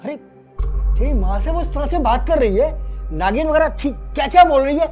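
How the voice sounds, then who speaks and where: A man's voice: very high-pitched, animated, normal speed, mellow, soft background music. A man playing an elderly father-in-law who scolds his daughter-in-law in a scripted family skit. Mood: scolding. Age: older. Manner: scolding, aggrieved.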